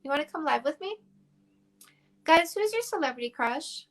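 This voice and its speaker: A woman from Canada coaching viewers on dating during a phone livestream, talking bluntly and frankly and swearing casually. Her voice sits high. She reads out questions and answers them straight away. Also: expressive, moderate pace.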